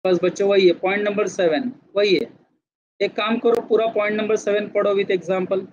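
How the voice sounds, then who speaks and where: High-voiced man teaching a class. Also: normal speed, highs cut off, slight background noise. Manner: mixes Hindi and English, keeps asking the class questions. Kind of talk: classroom lecture.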